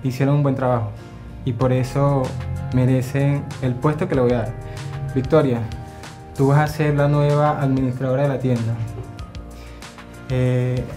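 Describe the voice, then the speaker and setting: Man as calm businessman, web drama, light music bed. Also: mid-range voice, normal speed, long pauses, lightly acted. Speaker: customer Carlos. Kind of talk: scripted web drama acting.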